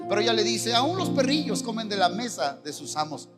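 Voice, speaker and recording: Mexican pastor, high voice, lively sermon delivery acting out voices, music playing underneath. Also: male voice, fairly quick. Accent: Mexican Spanish. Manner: animated, acts out quoted voices. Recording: music behind the preaching.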